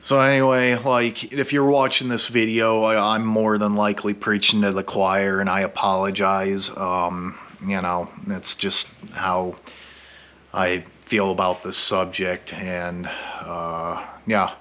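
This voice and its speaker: A drunk man rambling through a blunt, profane vlog monologue, halting and meandering, stammering over his words. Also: deep voice, little pitch movement, pushed and bright. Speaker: YouTube vlogger.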